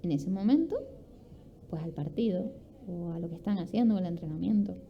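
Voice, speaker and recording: Woman, conference speaker, raspy fry in the voice, explanatory and full of rhetorical questions; muffled lo-fi capture. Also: lowish voice, brisk, slight background noise. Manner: explanatory, poses rhetorical questions and acts out examples. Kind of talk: instructive talk. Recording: dull lo-fi recording with faint ambience.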